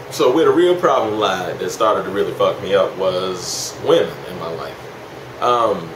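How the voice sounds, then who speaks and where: A man of twenty-one, tipsy and rambling, in a casual, swearing, slangy confessional chat. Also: on the low side. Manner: heavily profane, slangy. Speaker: vlogger. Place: small indoor room at home. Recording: echoey room with clear background hiss.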